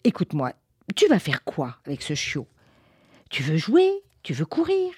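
A woman's voice: low voice, huge pitch swings, a little slow, husky, dry recording, studio quality, full character voice. A woman voicing a kind puppy seller. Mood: gentle. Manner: gentle, coaxing. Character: kind grown man selling puppies.

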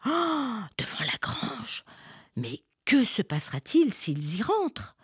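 A woman's voice: on the high side, wildly swooping pitch, slow pace, husky, dry recording, clean studio sound, pitched above the performer's own voice, exaggerated voice. A woman voicing a brave, earnest little peasant girl in a storybook tale, pleading and urgent in a raised voice. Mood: alarmed.

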